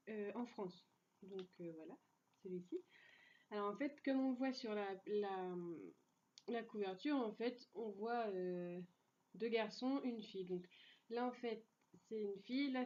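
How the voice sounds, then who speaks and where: A woman's voice: mid-range voice, darkish tone, dull audio. A young woman casually reviewing manga in a vlog, full of fillers and restarts, and enthusiastic about what she likes. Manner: hesitant, many fillers and restarts; enthusiastic, laughs easily.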